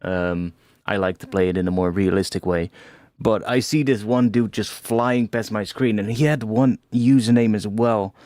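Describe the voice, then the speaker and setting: A young man hosts a casual livestream, talking in a loose, rambling way peppered with swearing and laughter. His voice sits on the low side. The sound is close and dry, with no room around it. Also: normal speed, darkish tone, no echo. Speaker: music producer streamer giving feedback.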